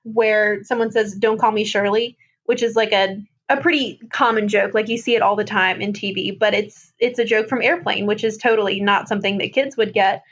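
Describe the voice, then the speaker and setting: A woman's voice: mid-range voice, steady tone, brisk, few pauses, a bit bright, lo-fi sound. A woman guest on a podcast, chatting casually and reminiscing with amusement.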